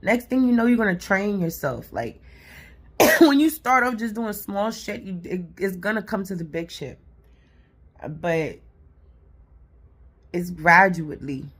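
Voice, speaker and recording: A woman and mother with a raspy voice, giving a blunt, profane, encouraging talk to her viewers. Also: medium pitch, lively intonation, a little slow, long pauses. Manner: blunt, profane and encouraging, says "y'all" and "honey". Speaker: vlogger and mother. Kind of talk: casual motivational talk to camera.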